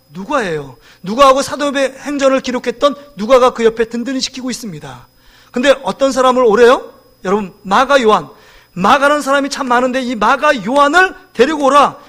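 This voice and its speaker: A man in his forties preaching a sermon in a church, lively and joking, often asking the congregation questions. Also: very high-pitched. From South Korea. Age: 40s. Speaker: pastor. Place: church sanctuary.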